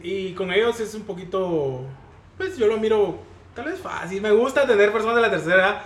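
A man's voice: high-pitched, expressive, fairly quick, reverberant, crowd noise. A man, a barber chatting casually in an interview, slangy and laughing often. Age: 20s.

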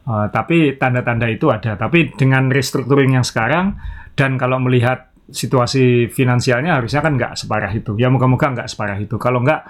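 A man co-hosts a relaxed podcast conversation. His voice sits at a middling pitch, and he explains things at length in a casual way, often breaking into a chuckle. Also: brisk. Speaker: podcast co-host.

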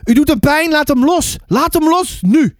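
A man reading a story aloud, voicing an upset young boy shouting to protect his dog. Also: very high voice, animated, moderate pace, no echo, studio quality, voice pushed up. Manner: pleading, raised voice.

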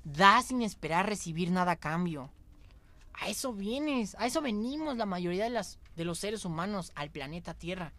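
A man's voice: sits high, expressive, normal speed, pushed and bright. A young adult man speaks straight to his listeners in a motivational podcast monologue. He is earnest and exhorting, circling back on his phrases to drive each point home. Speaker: podcast host.

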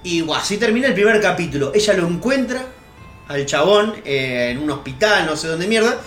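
Argentine man retelling a plot, high voice. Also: animated, brisk, a bit bright, reverberant, soft background music. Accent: Argentine Spanish. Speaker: podcast co-host. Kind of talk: casual chat.

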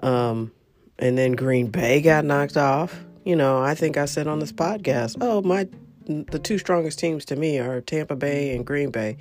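Soft music plays behind a woman chatting alone on her football podcast. Her voice sits low with a darkish tone and an unhurried pace, and between occasional coughs she sounds congested while she rambles on emphatically and casually.

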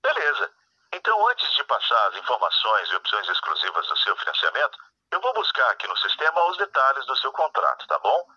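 Man, Brazilian accent, very bright forceful tone, lively intonation, polite informal customer service prompts, over the phone. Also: medium pitch, a little fast, husky, dry recording. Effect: telephone line. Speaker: automated bank phone line voice. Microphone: recorded prompts heard over a phone call. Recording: dull telephone-line recording.

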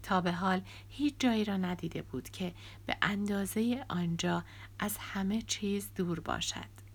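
A woman narrating an audiobook in a soft, measured way, sometimes close to a whisper. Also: medium pitch, vocal fry. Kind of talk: scripted narration.

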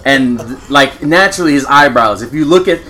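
American man, mid-pitched voice, casual storytelling, slangy bro-and-dude talk, noisy background. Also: normal speed, pushed and bright. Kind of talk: casual storytelling chat among friends. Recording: clear background noise.

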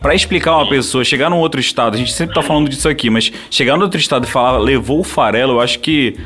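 A man's voice: mid-range voice, racing, fairly bright tone. A man with a Paraense Brazilian Portuguese accent, hosting a casual chat and listing slang examples with many fillers. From Pará, Brazil. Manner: conversational, lists examples with fillers.

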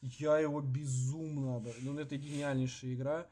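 A man co-hosting a podcast in casual, slangy chat with swearing, halting with many false starts and repeats. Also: medium pitch, flat delivery, mellow. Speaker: podcast co-host.

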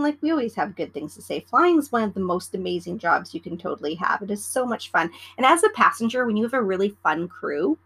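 A woman's voice: mid-range voice, a bit bright, husky, poor audio. A middle-aged woman, a former flight attendant, chatting casually at home on her podcast and acting out exchanges with passengers. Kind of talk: casual solo podcast chat. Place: at home in the evening.

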